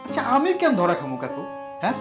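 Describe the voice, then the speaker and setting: Puzzled younger village man, protesting, rural Bangladeshi accent, quick, animated delivery, comic TV drama. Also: high-pitched, music in the background. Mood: indignant, puzzled. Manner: protesting, questioning.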